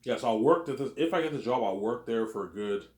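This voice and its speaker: This thirty-something man talks fast with a mid-range, darkish voice and lively intonation. A vlogger, he wanders through a personal monologue, repeating points and adding filler like "obviously" and "man," all captured with an echoey room sound.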